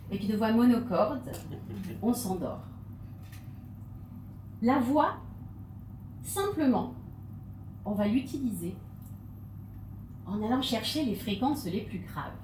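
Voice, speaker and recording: A woman's voice: fairly high pitch, a little mellow, a little hiss or hum. A woman giving a humorous stage talk, playful and theatrical, with laughing asides. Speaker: conference speaker. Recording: echoey hall, mic from far off.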